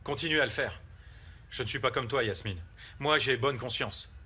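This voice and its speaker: A man's voice: mid-range voice, moderate pace, sharp tone, a little hiss or hum, close to an everyday voice. An actor dubbing a stern, self-righteous man of the house in a TV soap, speaking firmly and formally. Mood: defensive anger. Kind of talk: dubbed TV soap drama acting. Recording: dramatic music under studio dub.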